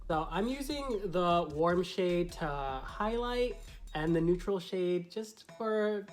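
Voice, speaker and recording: A man's voice: high voice, lively intonation, takes it slowly, soft background music. A man who is a drag queen vlogger, talking through a tutorial to camera in a chatty, meandering, explanatory way. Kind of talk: casual tutorial talk to camera.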